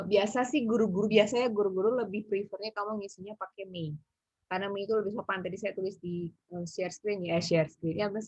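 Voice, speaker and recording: Over a video call, a woman tutors English, pausing often and thinking aloud with many fillers as she explains. Her husky voice sits at a middle pitch, and the muffled call audio sounds dry and dull with no room sound.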